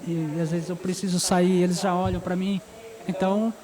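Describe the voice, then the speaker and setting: A fairly high-pitched man in his forties, from São Paulo, speaking in a relaxed, chatty way as an interview guest. He laughs often while telling his stories. A busy crowd murmurs around him in the open air. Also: normal speed, rough recording. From São Paulo, Brazil. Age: 40s. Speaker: guest caricaturist. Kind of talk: casual interview. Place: outdoor square with a street fair. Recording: busy outdoor crowd noise.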